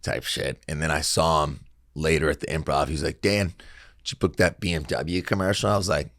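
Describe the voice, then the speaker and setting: A man speaks in a deep, gravelly voice with a harsh low edge. He tells stories like a comedian on a podcast, in loose, profane, bro-like slang. The sound is close and dry, with hardly any room on it. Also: fairly even intonation, brisk, fairly bright tone, no echo. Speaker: comedian and actor, guest. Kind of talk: casual podcast chat, telling anecdotes.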